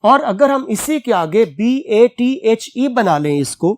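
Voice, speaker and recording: An English teacher who reads a text aloud slowly, explains it at length and spells words out letter by letter. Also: mid-range voice, big pitch swings, no echo, clean studio sound.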